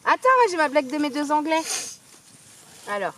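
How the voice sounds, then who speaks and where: A woman's voice: sits high, sing-song, fairly quick, pushed and bright. A woman chatting casually outdoors in a forest at night, telling a joke with gusto. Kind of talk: casual chat.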